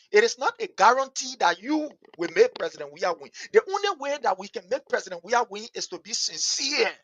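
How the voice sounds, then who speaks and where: Liberian woman activist, emphatic political speech, highish and animated, dry close sound. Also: no room sound. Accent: Liberian English. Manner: emphatic, repeating pointed questions. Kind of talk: impassioned political address.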